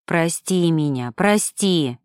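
A woman reading an audiobook, voicing a tender, devoted young man in a lowered, doting voice. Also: animated, slow, a little mellow, clear, resonant tone, no room sound, studio quality. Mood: remorseful.

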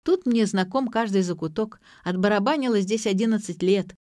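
Bold, confident young woman played by a woman, mellow and close. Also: medium pitch, a little fast, no echo, natural voice. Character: bold clever young woman, older sister.

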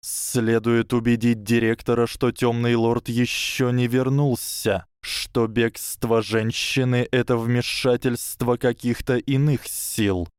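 Wary young wizard, read by a male narrator: flat hissing delivery, slow and careful. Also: mid-range voice, clear, resonant tone, no echo, clean studio sound, voice pushed up, natural voice. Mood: guarded.

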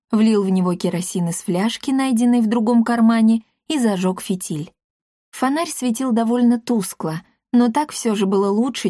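A woman's voice: medium pitch, dark tone, no echo. Woman reading a storybook, dry sound. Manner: measured, storytelling. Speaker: audiobook narrator. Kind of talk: scripted narration.

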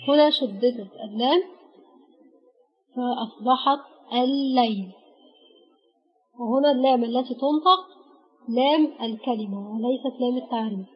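A woman with an Egyptian accent gives a patient grammar lesson. She names each letter with a pause after it. Her voice is fairly high and husky, and the recording sounds dull and lo-fi. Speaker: Arabic teacher.

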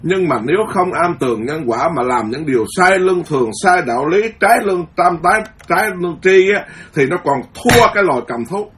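Man, Buddhist monk, dharma lecture, emphatic and repetitive, slightly high voice. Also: animated, a little fast, few pauses, a bit bright. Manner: emphatic, repetitive, with many restarts.

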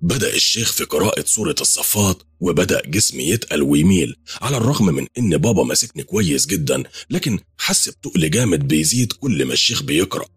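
A man's voice: deep voice, very animated, fast talker, slightly rough, no echo, clean studio sound. A man with an Egyptian accent narrating a horror story in an intense, dramatic manner. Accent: Egyptian Arabic.

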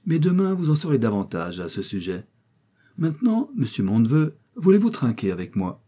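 Man doing a genial old gentleman, kindly uncle, husky, audiobook character. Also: mid-range voice, very animated, normal speed, pitched above the performer's own voice. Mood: jovial. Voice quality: genial, warm-hearted.

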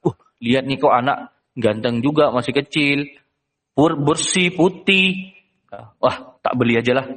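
A relaxed wealthy official muses casually to himself, as a male teacher puts him on. His voice drops lower and quieter, unhurried and pleased, in a storytelling lesson. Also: long reverb tail. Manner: casual, musing, low and quiet.

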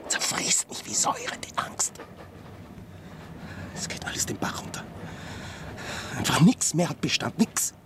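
An anxious, bitter male writer in a radio drama. His or speech is halting and brooding, with a very mobile pitch over clear background noise. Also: big pitch swings. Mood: fearful, paranoid. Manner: agitated, brooding, halting repetitions and muttering. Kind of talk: radio play acting.

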